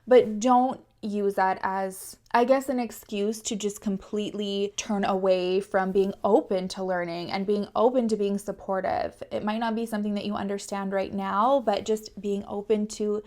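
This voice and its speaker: A woman's voice: mid-range voice, steady tone, moderate pace, few pauses, darkish tone. A young Canadian woman hosting a true crime channel, a little congested and sniffly, talking in an earnest, heartfelt, chatty way. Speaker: true crime YouTuber host. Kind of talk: casual chat to camera.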